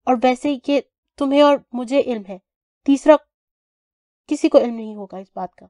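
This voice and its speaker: Woman playing a scared childish young girl, whiny and pleady, highish mellow voice. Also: dry recording, clean studio sound, lightly acted. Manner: whiny, pleading, raised and pitched up. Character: brave but childish young woman, terrified of flying. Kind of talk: audio novel character voicing.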